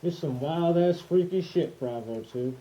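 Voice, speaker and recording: A man's voice: fairly high pitch, unhurried, dark tone. A man talking casually through a gas mask as he demonstrates it, his voice muffled. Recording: muffled with clear background noise.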